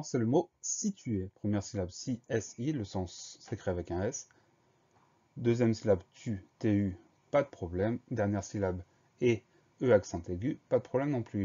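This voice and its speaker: Patient low-voiced man spelling words aloud. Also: mellow, slightly rough, highs cut off. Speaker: teacher. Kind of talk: spelling lesson for schoolchildren.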